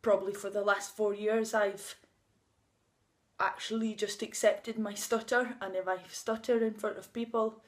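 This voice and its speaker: A vlogger in her thirties speaks with medium pitch, a flat delivery, and normal speed, blocking on first sounds because of a stutter. Outdoors in the sunshine, she talks openly, emotionally, and unscripted, laughing at times.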